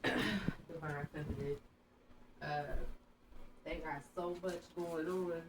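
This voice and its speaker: A tarot reader hosting a casual channel reading, talking in a relaxed, rambling, slangy way with a congested voice. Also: medium pitch, slow, heavy background noise.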